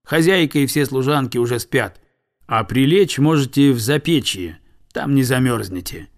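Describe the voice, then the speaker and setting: A man voicing a stern, gruff farmer in a storybook reading. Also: medium pitch, animated, moderate pace, natural voice. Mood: grumbling. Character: stern, grumbling older farmer.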